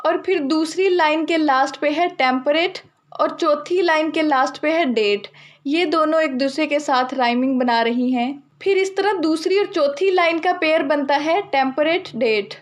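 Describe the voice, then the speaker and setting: A young woman with a high, light voice gives a literature lesson. She explains steadily and methodically, restating each new term in simpler words for her students. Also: normal speed. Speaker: literature teacher. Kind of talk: explanatory lecture.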